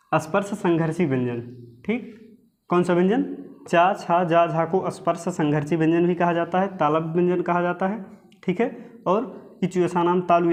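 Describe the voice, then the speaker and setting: A man teaching an exam-prep lesson who repeats each point and keeps checking in with his listeners. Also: high-pitched. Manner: asks questions and answers them himself.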